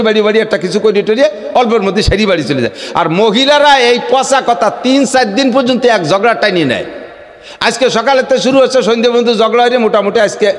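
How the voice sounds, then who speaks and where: A man preaches a humorous sermon. His voice sits high and rings out with a long reverb. He drops to low, confiding asides, then rises to loud, shouted declamation.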